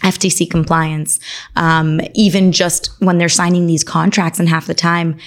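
An attorney born in Argentina and raised in Miami speaks as a guest in a conversational interview. Her voice is lowish and flat, yet she comes across articulate and enthusiastic, rattling off lists quickly.

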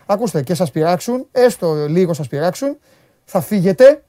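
A man's voice: high-pitched, no room sound, clean studio sound. A man co-hosting a radio talk show, joking, teasing and interrupting in casual chat. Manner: excitable, teasing, interrupts often. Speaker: radio co-host.

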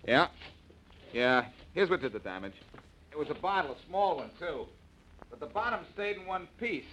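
An actor in an old radio show playing a sharp, confident amateur detective. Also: male voice, on the high side, very animated, normal speed, muffled recording. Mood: investigating. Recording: old radio recording with faint noise.

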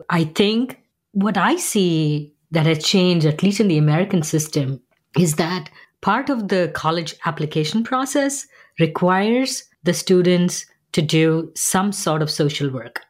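A woman's voice: sits low, darkish tone. A middle-aged woman interviewing, speaking in a thoughtful, conversational way.

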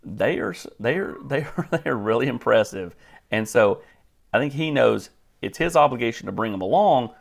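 A man talking as a guest analyst on a sports podcast, measured and filler-heavy, often repeating words. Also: medium pitch, animated, vocal fry. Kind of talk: casual podcast chat.

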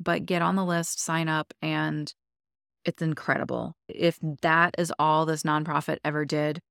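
A woman's voice: lowish voice, vocal fry, fairly bright tone, dry recording, studio quality. Chatty, enthusiastic woman podcast host. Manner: chatty and enthusiastic, many likes. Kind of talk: casual chat.

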